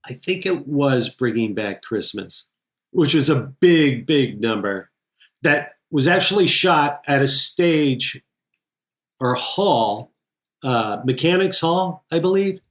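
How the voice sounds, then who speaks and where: A man's voice: mid-range voice, expressive, slow, fairly bright tone. A man, a film editor, chatting casually in an interview and telling anecdotes with quoted dialogue. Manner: enthusiastic storyteller, quotes people in his anecdotes. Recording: echoey room.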